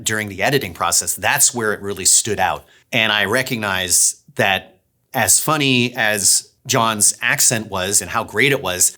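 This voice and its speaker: An audio drama director walks through his production work in a relaxed, conversational way as host of a behind-the-scenes series. He has a lowish voice with a pushed, bright quality.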